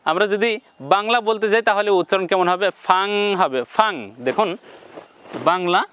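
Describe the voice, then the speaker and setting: A man teaching Quran recitation in a step-by-step lesson, slowly repeating syllables for viewers to copy and giving the Arabic sounds a heavy nasal tone. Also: sits high, steady tone, fairly bright tone, lo-fi sound, a little hiss or hum.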